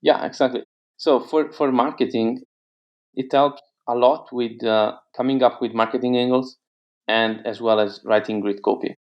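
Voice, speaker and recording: Guesting in a casual interview, an entrepreneur who grew up speaking Italian talks with an Italian accent, halting, repeating starts and filling pauses. His medium-pitched voice is fairly even at normal speed, recorded with lo-fi sound.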